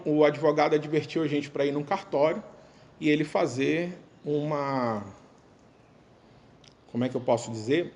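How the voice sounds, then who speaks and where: A man recounting a family story as a spoken testimony in a temple, conversational, pausing and restarting as he quotes his relatives. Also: fairly high pitch, darkish tone.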